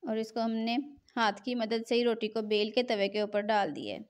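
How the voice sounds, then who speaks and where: Cooking host: middle-aged woman, fairly high voice, chatty and repetitive. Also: moderate pace, clear, resonant tone. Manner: chatty, repeats filler phrase "jo hai na". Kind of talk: cooking tutorial voice-over.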